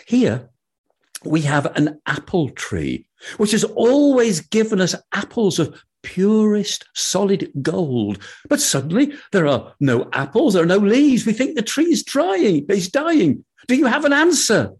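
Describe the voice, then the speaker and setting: Eager pleading sentry, higher voice, husky, told tale, as a male storyteller puts him on. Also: very animated, measured pace, heavily acted.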